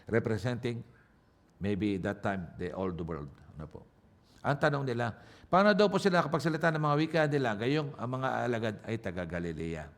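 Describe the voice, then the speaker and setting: Filipino pastor with a Nueva Ecija accent. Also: male voice, lowish voice. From Philippines, Nueva Ecija. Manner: preaching with swings between loud emphasis and quiet asides, joking. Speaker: guest pastor. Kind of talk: sermon. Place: church service.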